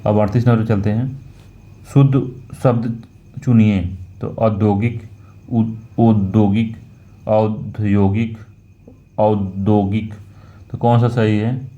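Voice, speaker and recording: Low, dark-voiced man teaching a test. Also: steady tone, lo-fi sound. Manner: slow and repetitive, correcting himself. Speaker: exam prep teacher. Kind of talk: talking through a Hindi test question by question.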